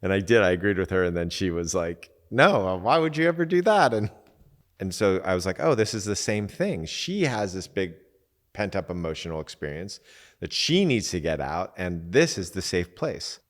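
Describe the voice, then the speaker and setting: A man who hosts a podcast and works as a coach gives relaxed, candid advice in casual conversation, swearing occasionally and acting out short quotes. His voice is deep and his pace normal, and he sounds like he's in a large hall.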